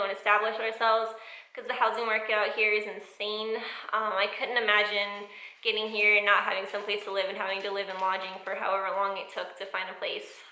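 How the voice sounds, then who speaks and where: Young woman rambling to camera, bright voice, lots of ums and likes, big echo off bare walls and hardwood floors. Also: on the high side. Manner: rambling, with many fillers like "um" and "like". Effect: big echoey room sound. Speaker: sewing vlogger. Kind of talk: casual chat to camera. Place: bare room with high ceilings and hardwood floors, no carpets, in her new house. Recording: echoey, roomy home recording.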